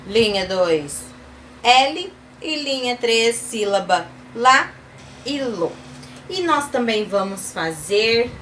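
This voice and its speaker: A woman teacher with a Brazilian Portuguese accent, giving a recorded literacy lesson to young children and sounding out letters and syllables slowly. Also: fairly high pitch, fairly bright tone, slight background noise. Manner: slow, sing-song, sounding out letters and syllables. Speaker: kindergarten teacher.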